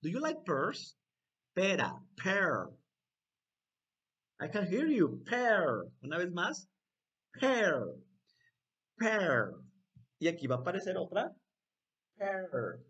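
Lively, playful bilingual children's teacher. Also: male voice, high-pitched, extremely slow, pauses often, husky, dull audio. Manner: bilingual, repeats words for children to echo. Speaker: English teacher. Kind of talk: online English lesson for young children.

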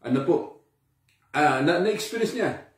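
A man giving a sermon in a relaxed, conversational way, mixing Tagalog and English with frequent fillers. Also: on the high side, unhurried. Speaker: preacher. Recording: echoey room, from far off.

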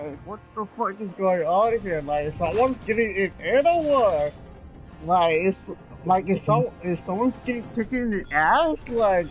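A man with a high-pitched voice streams a shooter game, talking casually and swearing constantly as he yells trash talk at opponents. Faint game music plays in the background. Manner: profane, yelling trash talk. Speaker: gamer streamer. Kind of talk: casual live-stream commentary.

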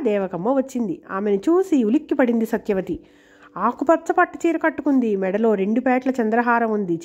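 A woman reading a novel aloud in a steady, expressive storytelling voice. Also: on the high side. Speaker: audiobook reader. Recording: dull lo-fi recording.

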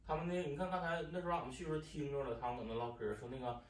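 Casual Northeastern Chinese man, rapid but halting explainer, recorded at a distance in a roomy home. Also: on the high side. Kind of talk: casual family chat. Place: home living room, standing while holding a baby. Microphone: camera across the room. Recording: echoey living room, distant mic, faint noise.

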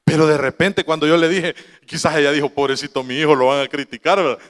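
Man, preacher, high voice, storytelling sermon, long echoey hall. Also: fairly even intonation, quick pace. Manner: storytelling, quoting his mother, laughing asides. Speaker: pastor.

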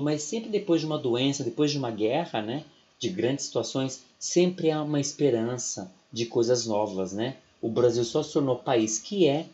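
A man with a Brazilian Portuguese accent teaches an English class online, talking in a chatty, rambling way and checking in with his students again and again. His voice sits at an ordinary middle pitch. The audio is a little dull and lo-fi. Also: dark tone. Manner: chatty, keeps adding "né?" and "ok?".

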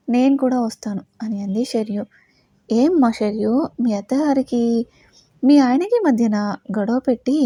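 A woman with a Telugu accent narrating an audio love story, voicing every character herself and going louder for quoted lines. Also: on the high side, no room sound, clean studio sound.

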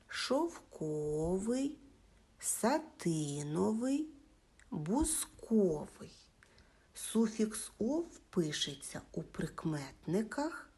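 A woman from Ukraine teaching a school language lesson, dictating words slowly and clearly and praising the class. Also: on the low side, darkish tone.

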